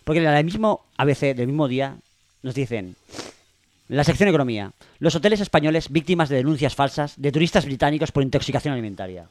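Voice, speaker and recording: Rapid-fire man reading headlines. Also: on the high side, lively intonation, no echo. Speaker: podcast co-host. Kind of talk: casual comedic chat about news.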